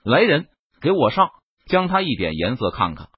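Male narrator as a threatening arrogant young swordsman, lively sneering delivery. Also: medium pitch, moderate pace, slightly rough, no echo, muffled recording. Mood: menacing. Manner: cold, threatening. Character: arrogant menacing young male sect senior disciple.

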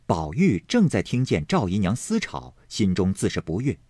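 A man narrating a classic novel, reading with a dramatic, expressive delivery. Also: on the low side, normal speed, slightly rough, dry recording.

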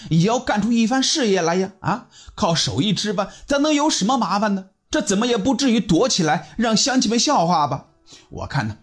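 A man's voice: mid-range voice, a little mellow, pitched below the performer's own voice, close to an everyday voice. A man voicing a frantic young male apprentice barber who pleads and cries. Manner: pleading, crying in a raised voice.

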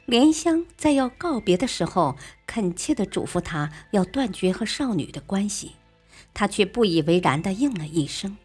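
A woman narrating a classic tale in an expressive, lively way. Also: medium pitch, moderate pace, breathy edge. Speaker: storyteller. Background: faint music.

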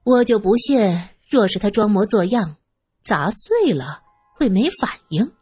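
A woman's voice: medium pitch, very animated, measured pace, a little mellow, husky, dry recording, exaggerated voice. A woman voicing a bossy, distrustful woman who presses with doubtful questions. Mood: suspicious. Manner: probing, doubtful, commanding. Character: suspicious, domineering woman, quick to anger.

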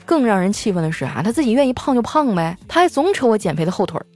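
Animated woman telling comic stories. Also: fairly high pitch, rapid-fire, soft background music. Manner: animated storytelling, acting out quoted lines in raised voices. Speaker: comedy radio host. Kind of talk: scripted comic monologue.

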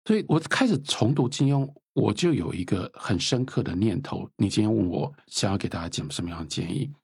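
A man in his fifties with a deeply husky, breathy voice that swings widely in pitch as he lectures earnestly. He sits at the lower end of the male range and sounds close and dry. He talks as the guest author in a reflective interview. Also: animated, a little fast, a little mellow, no room sound. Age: 50s.

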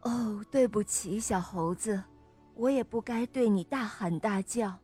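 A woman voicing a grown male monkey, a patient parent, speaking softly and soothingly in a children's story. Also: medium pitch, a little slow, slightly rough, faint music behind. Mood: gentle. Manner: soft, soothing, reassuring.

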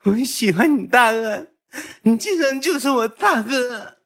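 A man voicing a tearful young male protégé streamer who pleads in a high, whiny, sobbing voice, drifting off the mic. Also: animated, unhurried, a bit bright, exaggerated voice. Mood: tearful, coaxing.

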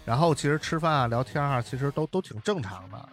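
A man co-hosting a podcast, telling a story in casual chat, animated and chatty with many tag questions. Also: mid-range voice, brisk, faint music behind. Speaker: podcast co-host.

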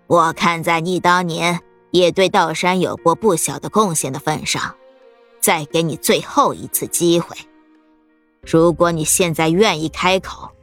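A woman voicing a cold, menacing old woman sorcerer who speaks slowly and threateningly. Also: low-pitched. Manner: slow, icy, threatening.

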